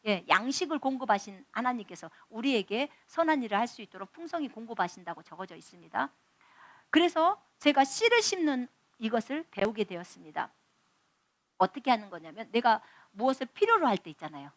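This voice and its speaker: A woman's voice: a little high, very animated, a little fast, a bit bright, dry recording. A woman missionary preaching a testimony sermon, telling stories and acting out dialogue with animation.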